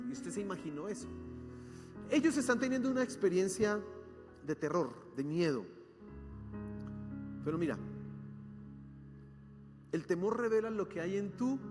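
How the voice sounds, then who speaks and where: A Colombian pastor with a high voice preaches with lively drama, acting out voices and questioning his listeners. His voice rings with a long hall reverb, and soft instrumental music plays underneath. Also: normal speed, pauses often. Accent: Colombian Spanish. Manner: animated preaching, acting out cries and questions to the congregation. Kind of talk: sermon. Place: church hall.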